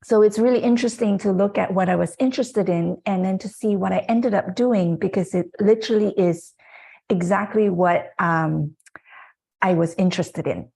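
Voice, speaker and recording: A woman's voice: mid-range voice, moderate pace, vocal fry, warm tone, slightly rough. A woman in her forties from Malaysia giving an earnest, reflective presentation about her life and work, with frequent fillers. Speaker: guest speaker. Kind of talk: presentation talk.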